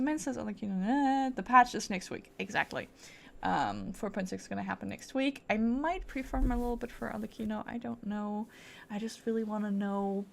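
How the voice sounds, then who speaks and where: Her voice sits at a medium pitch, a bit bright, with some vocal fry. She's livestreaming a game and chatting casually, rambling playfully and correcting herself as she thinks out loud.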